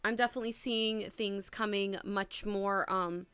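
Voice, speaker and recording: A woman around thirty rambles cheerfully through a casual live stream, her voice a bit strained from losing it. The sound is bright and clean, close and dry with no room echo, and faint music plays behind her. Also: medium pitch, fairly even intonation, a little slow, smooth. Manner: chatty, upbeat and rambling. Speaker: live streamer doing tarot readings.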